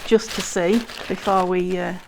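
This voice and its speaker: Indoors at a craft table, a British craft host talks a little slowly in a fairly low, slightly croaky voice with fairly even intonation, rambling casually as she shows her work. She's chatty, self-correcting and heavy on the ums. Filmed from an overhead camera showing only her hands, the recording has a noisy background.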